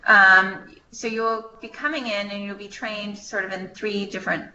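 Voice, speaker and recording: A woman on staff answers questions informally during a conference call, working things out aloud in a halting way. Her medium-pitched voice is steady, bright and forceful, at a normal pace, and the line sounds muffled and noisy.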